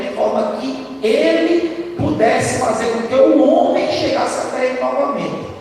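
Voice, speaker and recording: A high-pitched, hoarse-throated man preaches a sermon, loud and chatty, regularly checking in with the room through tag questions. As a lay preacher in a church sanctuary, he's recorded from a distance, his voice ringing through the reverberant hall amid slight background noise.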